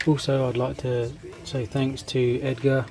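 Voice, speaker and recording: This man hosts a scale model hobby channel and gives a casual, rambling vlog update while congested with a cold and losing his voice. His mid-range voice is level, unhurried and a little mellow, packed with ums and restarts.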